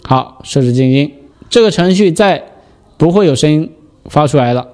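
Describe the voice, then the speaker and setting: A man giving a step-by-step software tutorial, explaining and patiently repeating the key steps. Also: fairly high pitch, animated, moderate pace.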